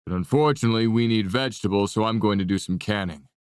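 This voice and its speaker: A woman doing a tired, gruff grown man. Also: fast, darkish tone, no room sound, clean studio sound. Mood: weary. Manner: low, tired and clipped. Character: weary gruff grown man, the eldest brother. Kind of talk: audiobook narration.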